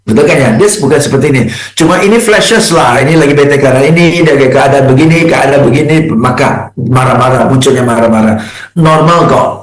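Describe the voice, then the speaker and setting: A man's voice: medium pitch, brisk, roomy sound, poor audio. A man speaking as a guest on a radio business talk show, emphatic and rhetorical, often mixing English phrases into his talk.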